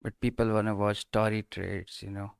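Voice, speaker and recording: A man's voice: fairly low pitch, little pitch movement, normal speed, creaky, smooth, dry recording, clean studio sound. A man streaming live trades, muttering to himself and breaking into short exclamations as prices move. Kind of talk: casual live commentary.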